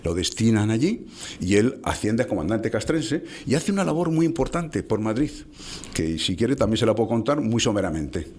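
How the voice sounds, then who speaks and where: A man, telling local history anecdotes in conversation, halting with many restarts. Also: on the low side, very animated, darkish tone, husky. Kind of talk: conversational storytelling.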